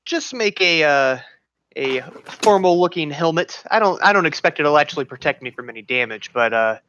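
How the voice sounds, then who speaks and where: A man's voice: on the high side, animated, moderate pace, fairly bright tone, slight background noise. A man playing a tabletop game casually, talking in a hesitant, upbeat way. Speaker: player. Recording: dull lo-fi mic.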